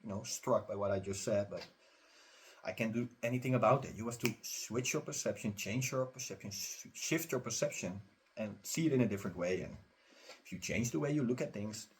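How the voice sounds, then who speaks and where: A man's voice: fairly low pitch, brisk, slight background noise. A man who runs a spiritual teaching channel, talking straight to his viewers in a casual, emphatic, repetitive way. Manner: emphatic, repetitive, urging the listener. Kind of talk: casual spiritual pep talk.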